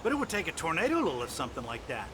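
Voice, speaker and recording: A high-voiced folksy American park manager. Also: male voice, huge pitch swings, very fast, background noise. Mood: plain, hurried. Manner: folksy, plain-spoken. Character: folksy, grumbling male trailer park manager. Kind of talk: video game character dialogue.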